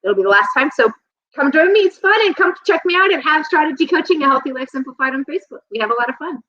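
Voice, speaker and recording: A woman's voice: sits high, animated, fast, bright, forceful tone. Chatty woman health coach, lo-fi. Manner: reflective, rambling with many ums. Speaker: health and nutrition coach, guest. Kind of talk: casual conversational interview. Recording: slightly dull, lo-fi sound.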